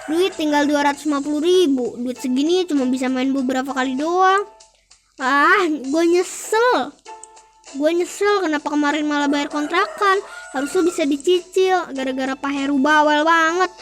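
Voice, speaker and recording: Grumbly selfish gambler husband voiced by a young guy, high voice, game music faint behind. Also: normal speed, fairly bright tone. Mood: grumbling. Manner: brusque and grumbling.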